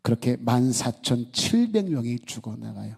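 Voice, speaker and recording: A man's voice: mid-range voice, very animated, moderate pace, vocal fry, darkish tone, slightly rough. A man preaching a sermon as pastor, talking conversationally and asking the congregation many rhetorical questions. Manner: acts out quoted speech in the story.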